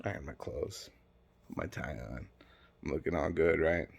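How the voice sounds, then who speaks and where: A man's voice: extremely low pitch, unhurried, gravelly, husky. A man telling a personal story in a casual way, acting out the dialogue with conversational asides.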